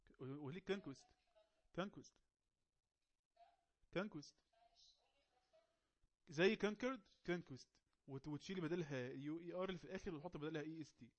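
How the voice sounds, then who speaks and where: A man with an Egyptian Arabic accent running an online English class, coaxing and teasing quiet students to speak up. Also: on the high side, racing, pauses often. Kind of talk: casual online class moderation.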